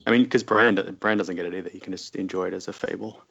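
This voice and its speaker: Fast gravelly man thinking aloud. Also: fairly even intonation, a bit bright. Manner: hesitant, restarting, thinking aloud. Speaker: podcast co-host. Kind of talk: casual book discussion. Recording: muffled low-fi audio.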